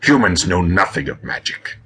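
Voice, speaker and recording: A man's voice: low-pitched, very animated, normal speed, pushed and bright, husky, heavily acted. A man voicing a proud, hostile male harpy warrior with a rugged, hissing voice, suspicious and contemptuous. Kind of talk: audiobook character reading.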